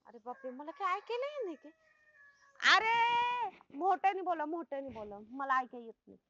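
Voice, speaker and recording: A woman's voice: extremely high pitch, big pitch swings, moderate pace, noisy background. A brash, bossy village woman. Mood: bossy, puzzled. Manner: loud, scolding, rustic chatter. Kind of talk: comic web film acting. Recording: dull, dry film sound.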